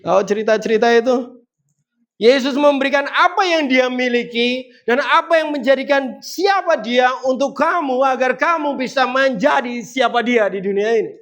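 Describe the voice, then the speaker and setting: A man's voice: extremely high pitch, normal speed, fairly bright tone. A man preaching a sermon, speaking with rising emphasis and putting direct questions to the congregation.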